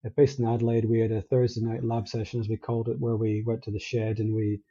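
A middle-aged Scottish man chatting as an interview guest, relaxed and rambling, restarting his sentences often. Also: lowish voice, fast, lo-fi sound. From Scotland. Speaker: guest, company co-founder. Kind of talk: casual interview chat.

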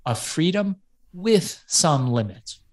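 A man's voice: fairly high pitch, big pitch swings, slow pace. A man from Iran, a guest on an interview, talking in a reflective, casual way and swearing now and then. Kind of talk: podcast interview.

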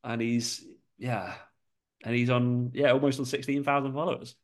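With a mid-range voice, flat delivery, and moderate pace, this podcast co-host keeps the chat casual. He curses a lot, laughs frequently, and sounds a bit nasal from a cold that hasn't cleared.

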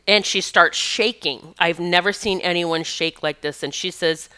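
A woman with a lower-pitched voice that still rings bright and forceful tells a personal story. She is earnest and emotional and often stops and restarts her sentences. The tone is smooth and crisp throughout. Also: unhurried. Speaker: podcast host.

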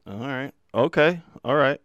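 Man, podcast host, casual chat, animated swinging voice, dry close sound, profane banter. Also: medium pitch, measured pace, dry recording, muffled recording. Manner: profane, joking, calls on others in turn.

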